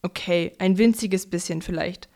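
A woman's voice: lowish voice, moderate pace, a little mellow. Woman doing grumbling old Nikolaus. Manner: grumbling, gruff. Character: grumbling old bearded Saint Nicholas.

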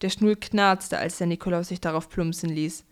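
A woman's voice: lowish voice, steady tone, normal speed, clean tone. A woman reading a children's story aloud as a storyteller.

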